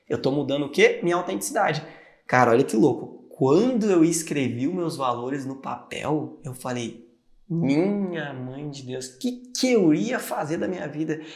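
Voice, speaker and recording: Earnest Brazilian man, roomy echo. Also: on the high side. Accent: Brazilian Portuguese. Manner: earnest, conversational, addresses viewer directly. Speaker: video creator. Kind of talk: motivational talk to camera.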